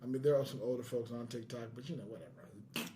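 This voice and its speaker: A middle-aged man hosts a podcast indoors, chatting casually in person with his co-hosts. He speaks quickly in a mellow, mid-range voice, joking and interrupting himself as he goes.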